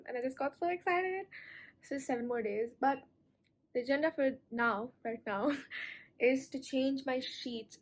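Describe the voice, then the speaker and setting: A young Singaporean woman, a student, chats casually in a vlog from a hotel room, giggling and saying "like" a lot. Her voice is a little high, and the audio quality is poor.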